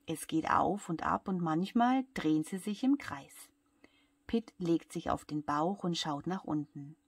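Soft breathy woman reading a bedtime story. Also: low voice, expressive, measured pace, dry recording. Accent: German. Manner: soft, often whispered, talks to children. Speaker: childcare worker reading aloud.

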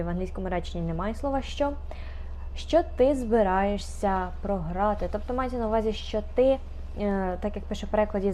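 A young woman teaching English phrases, explaining slowly and carefully, often repeating examples with small hesitations. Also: mid-range voice, dark tone, a little hiss or hum.

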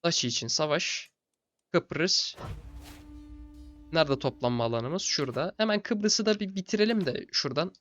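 A young man narrates his strategy game in a tired, laid-back way, since he is recording late at night. He chats to the in-game characters as if they were his buddies. His voice sits a bit higher than most men's. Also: a little fast, few pauses, highs cut off, faint music behind. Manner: relaxed and low-key, talks to game characters as buddies. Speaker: gaming channel host. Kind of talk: casual strategy game commentary.

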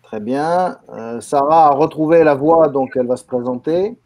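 Mellow-voiced man moderating a call. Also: a little high, no echo. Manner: brisk, calls on each participant by name. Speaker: online meeting moderator. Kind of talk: casual introductions on a video call.

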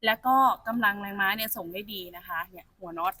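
A woman's voice: medium pitch, fast talker, bright, forceful tone, dry recording. A young woman giving a chatty used-car sales walkaround, talking familiarly to viewers, apparently recorded outdoors at a car lot. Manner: chatty, addresses viewers as elder sibling.

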